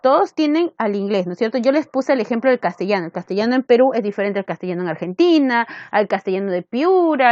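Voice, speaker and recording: A woman's voice: a little high, a little mellow, no echo, highs cut off. A woman teacher with a Peruvian accent giving a recorded lesson, asking questions and answering them herself. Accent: Peruvian Spanish.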